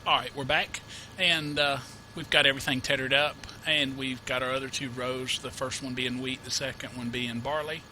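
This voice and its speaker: In a mid-range, medium-pitched voice, a man walks through a farming game tutorial at a moderate pace with few pauses, rambling casually and restarting often amid many "uh"s. He has a cold and sniffles now and then, and his home desk mic picks up a steady hiss. It's relaxed let's-play commentary from a gameplay tutorial host.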